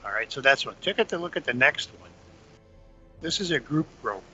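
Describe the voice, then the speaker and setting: Chewing candy, a man gives his younger brother game tips in a relaxed walkthrough chat, explaining each step in turn. His voice is medium-pitched and sharp, with lively intonation at a moderate pace, and the audio is dull and lo-fi with faint music.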